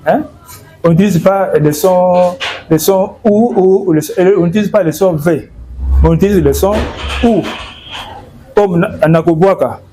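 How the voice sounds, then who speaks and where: Hesitant man explaining, mellow voice. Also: high-pitched, a little slow, long pauses, slight background noise. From Democratic Republic of the Congo. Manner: hesitant, repeats words and fillers. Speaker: guest. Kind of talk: explanatory interview talk.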